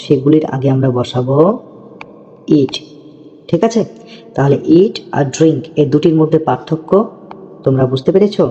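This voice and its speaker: A man teaching English phrases in a slow, patient lesson, repeating words and checking that his students follow. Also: fairly high pitch, mellow. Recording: dull lo-fi audio with long reverb.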